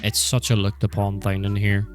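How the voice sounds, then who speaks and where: This low-leaning male voice has a completely flat delivery and a moderate pace, with soft music underneath. The speaker, a gaming vlogger from Northern Ireland, rambles chattily while touring an indoor office on a handheld gimbal camera.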